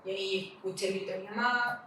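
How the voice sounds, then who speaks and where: A woman with a Chilean accent, a podcast guest recounting a personal loss, halting and repeating herself. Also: mid-range voice, steady tone, sharp tone. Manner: halting, repeats herself, voice rises in retold questions. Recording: echoey room, mic at a distance, faint hiss.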